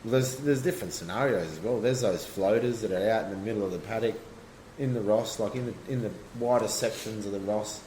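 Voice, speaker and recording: A man with a low Australian voice talks casually and rambles through his fishing method, restarting sentences as he goes. The room is echoey, with a faint hiss of noise underneath. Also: brisk, warm tone. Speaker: guest angler. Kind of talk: casual chat.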